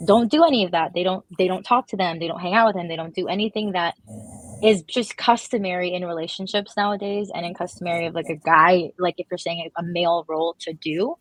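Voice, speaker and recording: A woman's voice: on the low side, fairly even intonation, fast, rough recording. A woman with a Toronto accent in a casual panel discussion, making points and checking for agreement as she goes. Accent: Toronto Canadian. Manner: conversational, checks agreement with "right".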